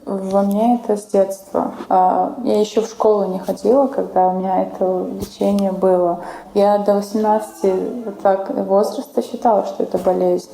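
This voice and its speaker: A woman, telling her story in an interview, flat and hesitant. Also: mid-range voice, moderate pace, gravelly. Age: 20s. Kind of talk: testimony interview. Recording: echoey room.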